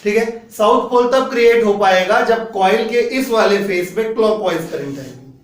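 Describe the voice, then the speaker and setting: A man teaches physics in a classroom and walks through each point step by step, often checking that his students follow. His voice sits high for a man. The room is echoey and he sounds a little away from the mic. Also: normal speed. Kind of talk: classroom lecture. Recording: echoey room, voice a bit distant.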